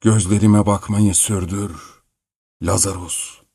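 A proud old Roman emperor, worn down and weary, as a male audiobook narrator puts him on. He speaks slowly in a deep, hushed voice. The recording is dry and close. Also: little pitch movement, slightly rough, dry recording, full character voice. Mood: weary pleading.

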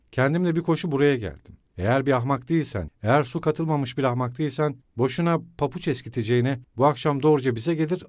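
A man voicing a hot-tempered, loyal young male friend in an audiobook, talking loudly and scolding. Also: mid-range voice, no echo, clean studio sound, close to an everyday voice. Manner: loud, scolding, exclamatory. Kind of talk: audiobook character reading.

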